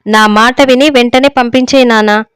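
Impatient grown son brushing off his dad, a woman reads him high and clear, dry sound. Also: fairly even intonation, normal speed, no room sound, lightly acted. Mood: dismissive. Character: grown son abroad, curt and dismissive.

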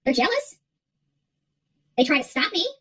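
A middle-aged woman hosting her livestream channel talks casually to viewers from a small furnished room at home. Her high voice swings widely in pitch at a normal speed, and she's emphatic, repetitive and rambling.

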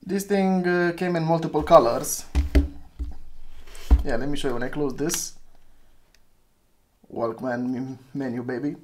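Reviewing an old phone in a casual, hands-on way, a Romanian-speaking man chats, thinks aloud and laughs at his slips. His voice is on the high side, at a measured pace with frequent pauses, and a little hiss or hum is audible.

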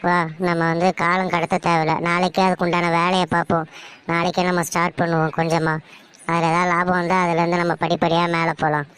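A woman's voice: lowish voice, little pitch movement, fairly quick, fairly bright tone, smooth, close to an everyday voice. Woman voicing a bossy village mother-in-law. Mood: resolute. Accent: Tamil Nadu Tamil. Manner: blunt, commanding, scolding. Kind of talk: cartoon story voice acting.

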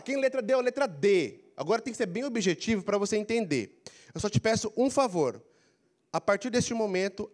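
A middle-aged Brazilian man with a handheld mic, giving an animated career coaching lecture in a large auditorium, prompting the audience to repeat phrases. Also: high-pitched. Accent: Brazilian Portuguese. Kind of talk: lively motivational lecture. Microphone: handheld mic, walking the floor.

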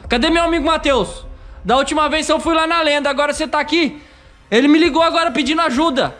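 A man's voice: extremely high pitch, fast talker, fairly bright tone. A man with a Brazilian Portuguese accent, filming an acted horror vlog and talking anxiously to his viewers while calling out for a missing friend. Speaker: YouTuber. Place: outdoors at a country house at night.

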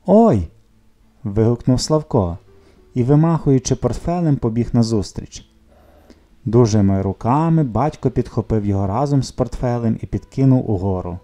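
Mellow, expressive male storyteller. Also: medium pitch, normal speed. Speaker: narrator. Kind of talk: reading a children's story aloud. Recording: soft music behind the reading.

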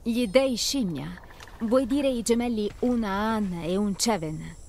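A woman's voice: mid-range voice, takes it slowly, a little hiss or hum. An actress playing a determined, feeling young woman adventurer in a dramatic video game. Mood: composed, curious. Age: young adult. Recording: loud music over voice.

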